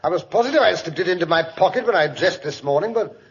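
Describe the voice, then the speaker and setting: Blustery British gentleman doctor, middle-aged, high-pitched and hesitant, for a muffled old-time radio mystery. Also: expressive, fast. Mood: puzzled, bumbling. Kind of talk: 1940s radio acting. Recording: muffled vintage radio recording.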